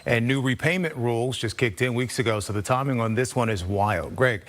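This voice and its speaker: A man hosts a television news segment, putting questions to a guest in a breezy, light way. His voice sits at a plain middle pitch. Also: fairly quick. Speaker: TV news host. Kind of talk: TV news interview.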